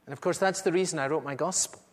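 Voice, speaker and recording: A man's voice: fairly high pitch, quick pace, close to an everyday voice. A man playing an aged apostle, echoing hall. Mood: earnest. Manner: earnest, intimate storyteller with dramatic swells. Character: aged male apostle recounting eyewitness memories. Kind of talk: first-person dramatic monologue. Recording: echoey hall with long reverb.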